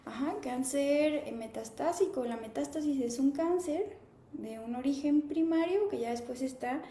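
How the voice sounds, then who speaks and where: A woman in her thirties hosting a live stream, chatting casually and reading viewer comments aloud in a warm, conversational way. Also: high voice, normal speed, a little hiss or hum. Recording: echoey room.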